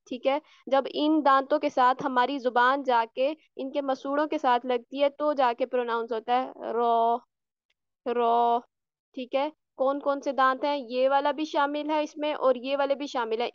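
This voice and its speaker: High-voiced woman teaching Quranic recitation. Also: smooth, no echo, muffled recording. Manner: patient, repeats sounds to demonstrate, checks students follow. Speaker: tajweed teacher. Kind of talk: online class lesson.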